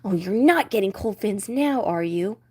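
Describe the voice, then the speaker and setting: A woman voicing Ariel, a curious, bold teenage mermaid princess who talks in a bright, eager, daring way. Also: mid-range voice, lively intonation, moderate pace, husky.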